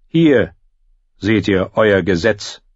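A man's voice: lowish voice, animated, slow, husky, no echo, lo-fi sound, exaggerated voice. A man voicing an arrogant city guard officer in an audiobook, speaking with scorn and condescension. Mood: scornful.

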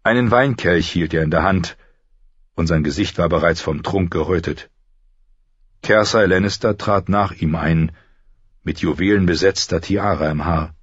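A man narrating an audiobook in a measured, expressive storytelling manner. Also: deep voice, slightly rough, no room sound, muffled recording. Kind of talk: scripted narration.

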